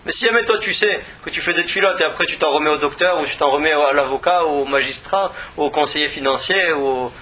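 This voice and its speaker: Male rabbi type, earnest teaching voice, very bright timbre, broadcast feel. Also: fairly high pitch. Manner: earnest, repeats words when searching. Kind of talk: religious lesson.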